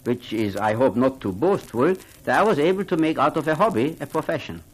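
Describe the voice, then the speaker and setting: A man's voice: medium pitch, brisk, breathy edge, rough recording. An older man from Hungary, speaking earnestly in as a gallery owner in a radio interview. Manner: animated, earnest, non-native phrasing. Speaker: art gallery owner and collector.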